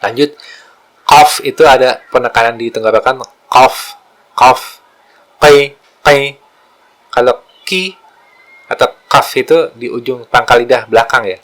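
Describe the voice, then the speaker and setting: A man's voice: medium pitch, normal speed, a bit bright, poor audio. A man giving a casual lesson on Quran letter pronunciation, demonstrating throat sounds again and again in a humble, self-deprecating way.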